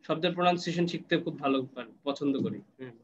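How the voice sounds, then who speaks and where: A man's voice: on the high side, rapid-fire, dull audio. A man teaching an English class online, patiently explaining step by step and checking that students follow.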